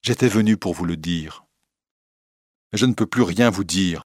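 A man voicing a secretive young woman who speaks in a low, hushed way. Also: moderate pace, no echo, clean studio sound. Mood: pleading.

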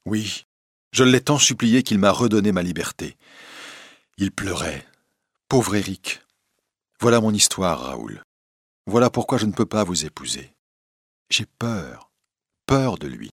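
A man's voice: deep voice, sing-song, unhurried, pauses often, slightly rough, dry recording, clean studio sound, full character voice. A man putting on a frightened young singer. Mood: confiding. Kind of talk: audiobook reading.

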